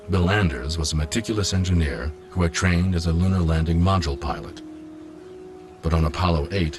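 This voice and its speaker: Very deep male documentary narrator. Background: prominent music.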